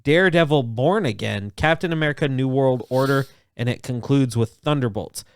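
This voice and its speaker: A man co-hosting a casual podcast, running through entertainment news with excitement. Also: mid-range voice, clear, resonant tone. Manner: excited, fast-moving news rundown. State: has the hiccups. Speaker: podcast co-host. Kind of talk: casual chat.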